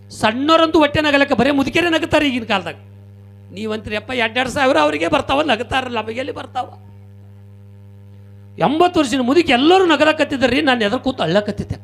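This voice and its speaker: A man with a North Karnataka Kannada accent tells comic stories on stage, talking straight to the audience. His voice sits very high, with a gravelly edge. His delivery is lively and punchy, in the style of a live comic storyteller. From Kalaburagi, Karnataka. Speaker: stage comedian. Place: stage at a religious gathering.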